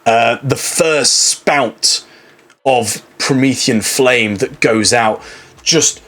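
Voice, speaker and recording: A man's voice: medium pitch, sharp tone. A man acting as game master, explaining rules and narrating the action in a tabletop game. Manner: rules talk and quick narration.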